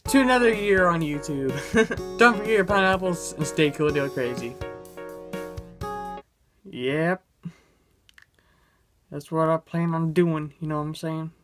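A young adult man rambling casually in a vlog with a low-energy, goofy manner, recorded indoors close to the camera. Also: moderate pace, music in the background. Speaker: YouTuber. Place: indoors in a room. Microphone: camera close in front of him.

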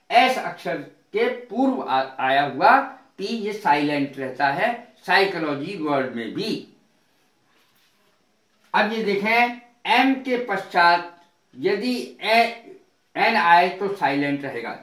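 A man teaching an English lesson, speaking deliberately and spelling words out letter by letter. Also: sits high, a bit bright, reverberant. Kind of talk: spoken language lesson.

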